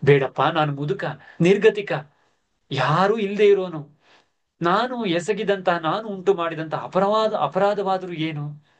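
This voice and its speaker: A man's voice: a little high, animated, slow. A man voicing an old, faithful male charioteer who humbly pleads with his master, in a raised, strained voice. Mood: pleading.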